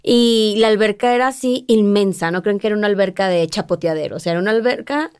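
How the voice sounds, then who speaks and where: A young woman from Mexico, a guest chatting casually with her sister and telling childhood stories with lively acted-out voices. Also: medium pitch, quick pace, smooth. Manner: animated storytelling, acts out quoted voices, laughs often. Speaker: guest, host's older sister. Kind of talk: casual chat.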